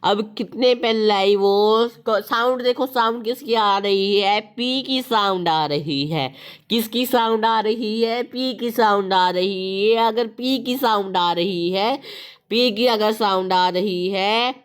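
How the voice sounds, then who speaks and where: A woman teaches an online grammar lesson at an unhurried pace, repeating each question and answering it herself. Her voice is smooth and clear, and she draws out the example sentences word by word. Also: medium pitch. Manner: patient, asks and answers her own questions; reads English example sentences very slowly.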